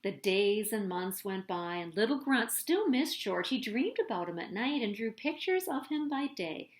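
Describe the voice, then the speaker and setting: Reading a children's picture book aloud, this woman uses a mid-range voice and a very animated, dramatic delivery with deliberate emphasis. Her voice echoes around the room.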